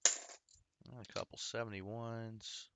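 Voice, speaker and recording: Man, livestream host, casual chatty talk, bright tone, dry close sound. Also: on the low side, flat delivery, drawn-out words, smooth, no echo. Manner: chatty, talks to viewers by name while working. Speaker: coin roll hunting livestream host. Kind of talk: casual livestream chat while searching coin rolls.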